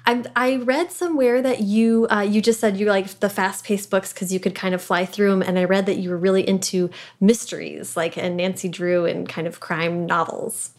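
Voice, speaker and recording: A woman's voice: mid-range voice, steady tone, moderate pace, few pauses, no echo. A woman hosting a podcast interview over a video call, friendly and chatty, laughing easily. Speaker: podcast host.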